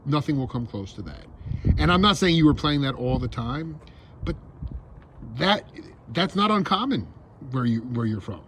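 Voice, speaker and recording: A man's voice: mid-range voice, sing-song, normal speed, a bit bright, a little hiss or hum. A man hosting an interview at a guest's house, asking eager, rambling questions full of restarts. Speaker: show host. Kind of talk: casual interview.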